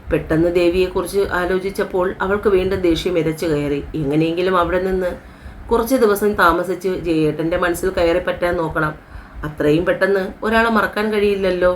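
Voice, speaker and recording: A woman reading a romantic family story aloud as its narrator, in a steady, measured way. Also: on the low side, slight background noise.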